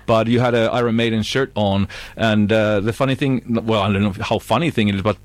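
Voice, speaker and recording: A man's voice: lowish voice, a little fast, dry recording. Casting: man, radio host, laid-back, dry studio sound. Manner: relaxed, hesitant with fillers. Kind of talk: radio interview.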